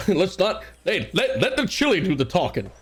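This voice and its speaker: A man voicing a gruff middle-aged male town constable with a folksy, commanding drawl. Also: high-pitched, big pitch swings, moderate pace, voice pushed up, full character voice. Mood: stern.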